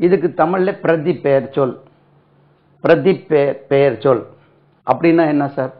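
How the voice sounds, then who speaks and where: A man with a Tamil accent teaching spoken English in a classroom lesson, spelling words letter by letter and repeating them slowly. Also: a little high. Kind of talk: classroom lesson explaining pronunciation. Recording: dull lo-fi lesson recording.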